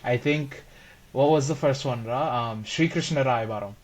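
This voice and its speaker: A man in his twenties from Ohio with an American accent, talking in a relaxed, chatty way and saying "like" often. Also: mid-range voice, moderate pace. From Columbus, Ohio, USA. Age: 20s. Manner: relaxed, chatty, says "like" and "bro". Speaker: co-host. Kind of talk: casual chat.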